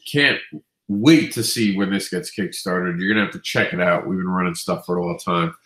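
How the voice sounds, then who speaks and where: A deep-voiced, brisk man from Queens, New York, sounds congested and nasal yet a bit bright, speaking in an echoey room. He hosts comics news, giving a chatty, upbeat casual roundup and correcting himself as he goes.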